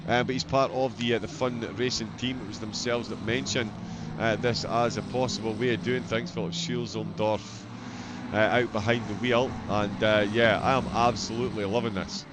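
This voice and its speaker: A man's voice: lowish voice, fairly even intonation, normal speed, very noisy. A man with a broad Scottish accent giving live motorsport commentary in a wry, chatty, amused way. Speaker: sim racing livestream commentator.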